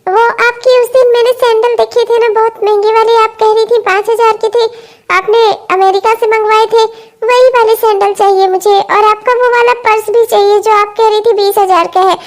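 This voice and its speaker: A woman's voice: extremely high pitch, steady tone, normal speed. A woman voicing a wheedling greedy sister-in-law. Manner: wheedling, demanding. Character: pushy grasping married sister-in-law. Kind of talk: cartoon voice acting.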